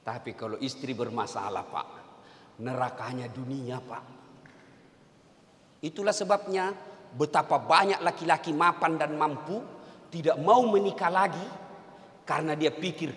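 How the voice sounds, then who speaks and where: A man preaching a humorous sermon with an animated, joking manner and bursts of shouting. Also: on the high side, measured pace, long pauses. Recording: echoey hall with long reverb.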